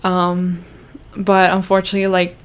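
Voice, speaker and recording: Her voice is fairly low and monotone, delivered at a moderate pace with a clean tone. A young woman from Canada, she hosts a casual livestream and rambles awkwardly, restarting often and leaning on fillers.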